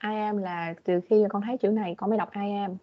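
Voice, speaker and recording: A woman teaching English to a young child online, patient and coaxing as she explains things slowly. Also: medium pitch, steady tone. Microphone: video call. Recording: dull lo-fi video call audio.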